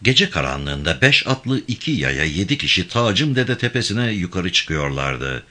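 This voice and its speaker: A man with a deep voice reads a novel aloud in a measured, storytelling manner. His pitch moves in lively swings. His tone is bright and forceful. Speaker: audiobook narrator. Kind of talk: audiobook narration of a novel.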